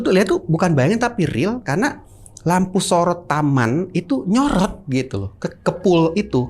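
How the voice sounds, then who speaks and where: Lively middle-aged man telling ghost story. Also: fairly high pitch. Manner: animated, mimics sounds with his voice. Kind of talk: casual spoken storytelling.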